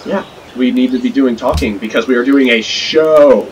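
A man's voice: mid-range voice, moderate pace, lo-fi sound. Sick young man with a scratchy voice. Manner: rambling, jokey, bursts of excitement. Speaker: gaming channel host. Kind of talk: casual let's-play chat. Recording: distant mic with loud music behind.

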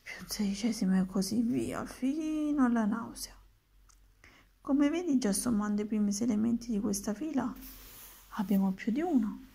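A woman voicing an impatient old male wizard who teaches maths, in brisk exclamations. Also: on the high side, gravelly, warm tone, husky.

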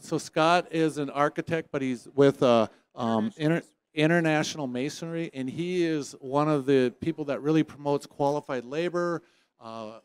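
With a clear, resonant voice on the high side and no room sound, a man hosts a trade show lounge giveaway, drawing winners. His patter is playful and teasing, full of jokes and loud bursts of excitement.

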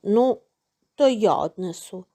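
A patient, hardworking storybook rooster, as a woman puts him on, asking calm steady questions. The voice sits a little lower and mellower than the reader's usual tone. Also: slow.

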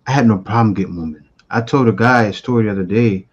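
This reaction-show host, a man in his forties, has a husky, fairly low voice and talks fast. Seated in a small room close to a studio mic, he comments bluntly and animatedly, arguing back at the clips. The recording sounds muffled.

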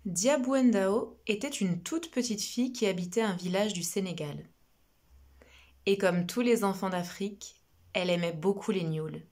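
A woman telling a children's story in an expressive storytelling voice. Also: mid-range voice, moderate pace.

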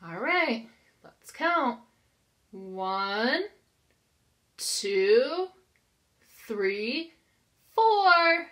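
Her fairly high, fairly bright voice swings widely in pitch, stretching out words and pausing often. She's an American woman in her thirties, a preschool teacher leading an interactive read-aloud for little kids with simple questions and encouragement.

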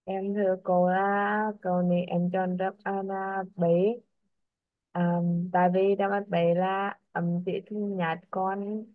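A female student answers her teacher in an online class, hesitant and unsure. She speaks slowly and flatly, and her voice comes over a tinny, dry call line. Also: medium pitch, no echo.

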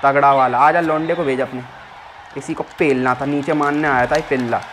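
A man's voice: fairly high pitch, fairly even intonation, brisk. A man giving casual, rowdy commentary on a wrestling video game, mocking the wrestlers and the referee as he plays. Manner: rowdy trash-talking, mocks the figures on screen. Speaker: gameplay commentator. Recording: game crowd roar and game noise behind. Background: wrestling game crowd and sound effects.

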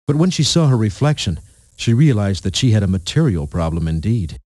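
A man's voice: lowish voice, big pitch swings, a little fast, background noise. A man narrating a storybook game in a playful, punning storyteller manner.

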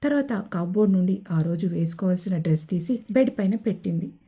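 A woman reads a romantic audio story aloud in a steady, flowing narration. Her voice is mellow and darkish with a light husky grain. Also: lowish voice, fast talker. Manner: smooth storytelling. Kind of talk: scripted narration.

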